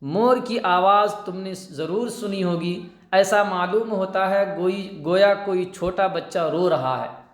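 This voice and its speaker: A man's voice: sits high, roomy sound. A man teaching an online exam prep lesson, explaining patiently, repeating answers and posing questions back to the students.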